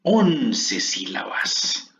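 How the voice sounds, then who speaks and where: A man teaching a lesson on poetic meter, counting syllables aloud in a slow, drawn-out way and often restarting his phrases. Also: fairly high pitch, very animated, fairly bright tone, muffled recording, slight background noise.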